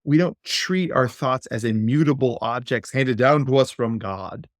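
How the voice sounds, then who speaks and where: Animated man speaking on a dry mic. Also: medium pitch, normal speed, no room sound. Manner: animated, playful, slips into silly voices. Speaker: clinical psychologist guest. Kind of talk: conversational podcast interview.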